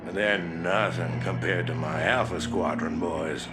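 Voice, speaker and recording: An actor playing a gruff, boastful military general in a video game, with an emphatic way of talking. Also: male voice, low voice, steady tone, unhurried. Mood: proud, confident. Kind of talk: video game cutscene acting. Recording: loud music behind the voice.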